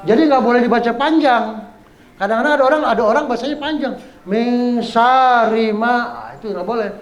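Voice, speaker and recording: A man teaching Quran recitation rules, patiently repeating examples slowly and chanting verses. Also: very high-pitched. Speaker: Islamic teacher. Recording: echoey room with faint ambience.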